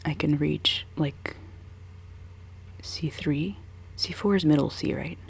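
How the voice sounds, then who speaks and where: Slow, breathy and full of vocal fry, this woman in her twenties has a decently low voice. She whispers giggly, wandering ASMR chatter while doing her makeup.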